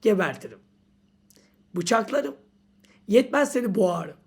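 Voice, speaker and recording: A woman teaching a lively exam-prep lesson, theatrical, with mock threats and sudden swings from shouting to whispering. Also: medium pitch, unhurried, husky. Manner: mock threats and comic outbursts.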